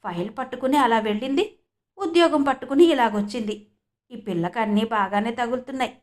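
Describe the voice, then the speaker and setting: A woman voicing a jealous older aunt muttering her thoughts slowly in an audiobook. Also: a little high, natural voice. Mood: bitter.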